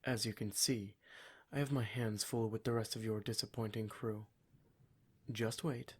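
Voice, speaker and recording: Here a man portrays a smug, cruel demon in a scripted ASMR piece, taunting adventurers he holds captive with formal, mock-polite menace. His voice is lowish and slightly rough, with fairly even intonation and a normal speed.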